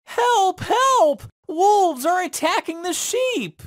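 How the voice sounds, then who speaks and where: A man voicing a frightened young shepherd boy who shouts for help in a shrill, high voice. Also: animated, slow pace, dry recording, clean studio sound, exaggerated voice. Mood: shouting.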